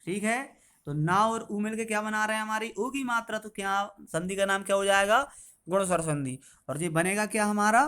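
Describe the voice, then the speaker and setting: A man teaching a school grammar lesson, asking questions and answering them himself and repeating key terms slowly. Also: sits high, sharp tone, smooth.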